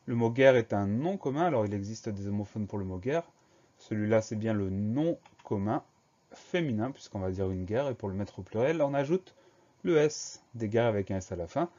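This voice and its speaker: A young man teaching a spelling lesson, spelling words out letter by letter with slow, careful dictation. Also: fairly low pitch, animated, dark tone, lo-fi sound.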